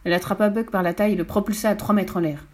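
A woman reading a children's story aloud. Her delivery is clear and expressive, and her pitch sits in a middle range. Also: racing. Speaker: audiobook reader.

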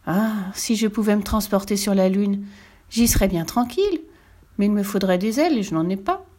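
A woman voicing a small, naive, polite female frog with high excited exclamations. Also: moderate pace, lightly acted. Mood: naive hope.

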